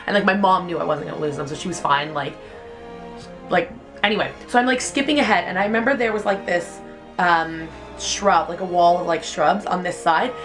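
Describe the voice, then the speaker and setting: A woman's voice: on the low side, fairly quick, music in the background. A young woman, telling childhood stories in a casual, chatty vlog, filling her speech with "like". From Canada. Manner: chatty, heavy use of "like", animated retelling. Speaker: vlogger.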